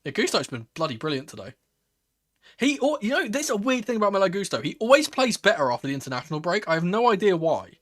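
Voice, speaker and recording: A man hosting a live football watchalong, calling the play in a casual, excitable fan's manner. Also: high-pitched, racing, hardly any pauses. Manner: excitable, swearing, shifting from murmured play-by-play to raised exclamations. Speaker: host of a football watchalong stream. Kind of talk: live football commentary with casual fan reactions.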